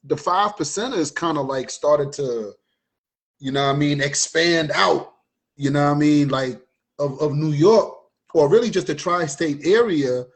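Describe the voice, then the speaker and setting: A man's voice: on the high side, a little slow, breathy edge. A man hosting a casual conversation, affirming his guest and often adding "you know what I mean.". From Richmond, Virginia. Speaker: host.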